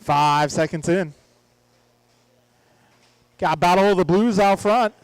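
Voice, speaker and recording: A man's voice: high-pitched, slow, clean tone, no echo, low-quality recording. A man announcing an RC car race at a track, calling out lineups and the action with casual jokes in between. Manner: casual, joking between calls. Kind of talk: live race commentary. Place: outdoor RC track.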